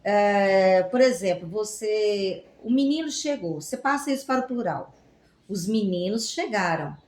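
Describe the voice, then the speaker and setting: A woman's voice: medium pitch, lively intonation, unhurried, a little mellow. A woman talks casually, like a teacher, about words and their roots. She keeps asking rhetorical questions and throws in playful examples. Her voice sits in a middle range and carries a roomy echo. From Goiás, Brazil. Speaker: Portuguese teacher, guest. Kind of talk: casual explanatory chat. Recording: roomy echoey room.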